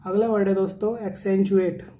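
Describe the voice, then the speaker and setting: A man gives an exam vocabulary lesson, explaining in Hindi and reading English definitions word by word. His voice is mellow and unforced. He spells terms letter by letter and repeats each meaning several times. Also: high-pitched, flat delivery, brisk. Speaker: vocabulary teacher.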